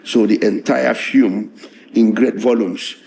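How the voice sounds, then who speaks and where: A middle-aged lawyer with a hoarse, strained voice, recounting events in a measured, halting interview manner. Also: male voice, lowish voice, steady tone, darkish tone, slight background noise. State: hoarse, voice strained after tear gas.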